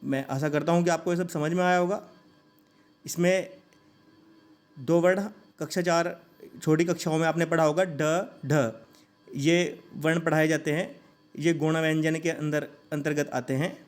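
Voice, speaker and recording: A man teaching a grammar lesson, saying each sound slowly and asking listeners to repeat it. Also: a little high, steady tone, faint music behind.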